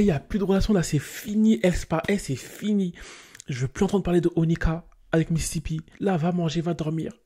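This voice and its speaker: Casting: young male gaming YouTuber, mellow warm tone, lively and scolding. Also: a little high. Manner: animated, scolding his game characters with slang. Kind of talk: casual game commentary.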